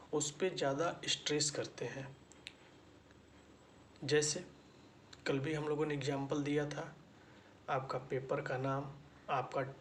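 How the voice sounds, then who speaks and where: Slow, deliberate male lecturer. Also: on the high side, slight background noise. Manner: slow, deliberate explaining with repetition. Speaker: teacher-education lecturer. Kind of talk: spoken lecture.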